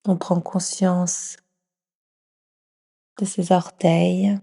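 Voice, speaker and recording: Speaking very slowly, a woman leads a guided yoga nidra meditation. Her fairly low voice is mellow and husky, kept very even and calming, and she frequently drops to a breathy whisper while instructing.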